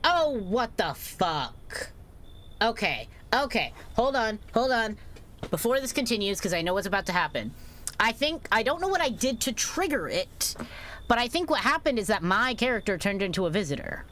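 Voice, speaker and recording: Animated young woman streaming a game. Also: fairly high pitch, normal speed. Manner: animated, swears freely, thinks out loud. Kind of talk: live game commentary. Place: home room.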